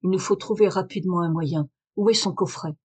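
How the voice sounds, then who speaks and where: A woman reader voicing a calm, authoritative male detective in a French audiobook, measured and firm. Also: on the low side, husky. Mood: brisk commanding. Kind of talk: audiobook reading of a detective story.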